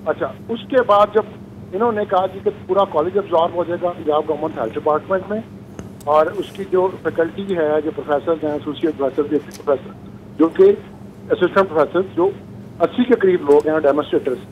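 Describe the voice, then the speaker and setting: A high-voiced middle-aged man comes through a muffled, lo-fi phone line with faint hiss, and the bad connection keeps breaking up his words. He phones in to a talk show as a professor and lays out his case at length, earnestly and in detail. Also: a little fast. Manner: long, earnest, detailed explanation with some fillers. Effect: bad phone connection, voice cutting out. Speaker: caller, medical college professor.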